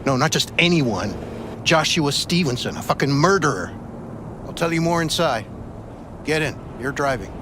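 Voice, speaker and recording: A man's voice: fairly high pitch, expressive, moderate pace, background noise, lightly acted. An actor playing a vengeful, agitated man out to hire a killer in a video game, intense and profane, barking orders. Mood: grim, bitter.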